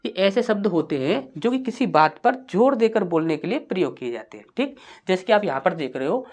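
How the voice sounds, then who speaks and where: A woman teaching a grammar lesson for exam prep. She asks questions and answers them herself, and reads example sentences slowly and deliberately. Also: medium pitch, sing-song, darkish tone.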